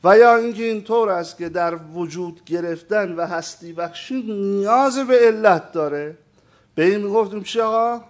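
A man teaching a theology lesson, speaking emphatically and often putting questions to his listeners. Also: high-pitched. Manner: emphatic, keeps asking the audience questions; addresses listeners as "sir". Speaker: religious teacher. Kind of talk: lecture on theology.

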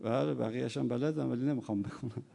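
A man preaching a sermon, telling stories with acted-out dialogue and rising into loud, impassioned passages. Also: mid-range voice, steady tone, creaky. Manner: swings from quiet storytelling to loud impassioned preaching. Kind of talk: sermon with storytelling. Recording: long hall reverb.

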